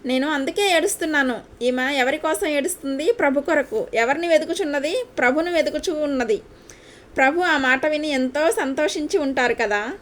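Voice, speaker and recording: Woman, preacher, from India, high voice, earnest devotional sermon, repeats questions for emphasis. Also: normal speed, fairly bright tone.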